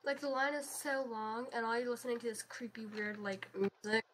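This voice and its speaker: Woman, higher voice, excitable, rambling, quick bursts of chat. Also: slight background noise, poor audio. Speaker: guest co-host. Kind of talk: casual game tour chat.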